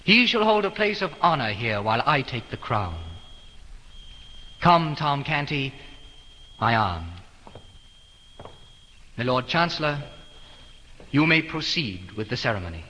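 A man's voice: medium pitch, very animated, unhurried, pauses often, sharp tone. A young male actor playing a defiant, noble young king, commanding and declamatory in a theatrical period drama. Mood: regal, firm. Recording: reverberant hall with faint noise.

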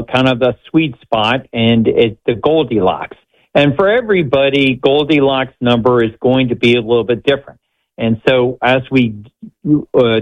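A man with a medium-pitched voice speaks as a doctor guesting on radio. He explains things conversationally, in measured, halting phrases. The audio is a little dull and band-limited.

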